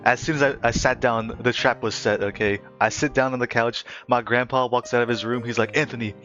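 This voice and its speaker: A man's voice: medium pitch, steady tone, brisk, bright, forceful tone. Giggly young man chatting on stream. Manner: giggly, rambling, laughs between phrases. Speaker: livestream host. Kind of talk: casual stream chat and storytelling. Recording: slightly muffled lo-fi audio, faint music.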